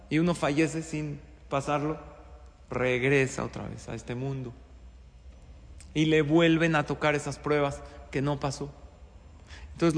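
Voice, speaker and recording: A man teaches a Torah-based lesson on life's tests, pressing each point with rhetorical questions and repeated phrases. His voice sits a little high for a man. The recording carries a long, ringing reverb. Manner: poses rhetorical questions, emphatic repetition. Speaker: religious teacher. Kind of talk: Torah-based moral talk.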